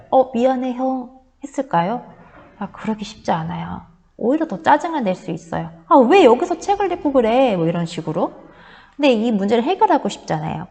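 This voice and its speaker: A woman's voice: mid-range voice, in a large hall. A woman teacher giving a recorded online class, explaining step by step and acting out example lines.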